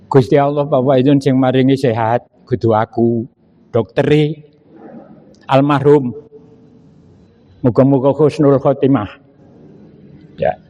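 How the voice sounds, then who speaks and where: An older man preaching a sermon with a Javanese accent, telling stories slowly and reciting Arabic verses. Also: a little high, a little mellow. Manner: slow storytelling, mixing Javanese phrases and Arabic recitation.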